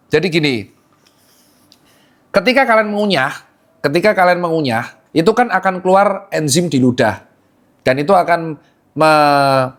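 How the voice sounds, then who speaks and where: A young man, a doctor hosting a casual health Q&A, explaining with jokes and teasing asides. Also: sits high.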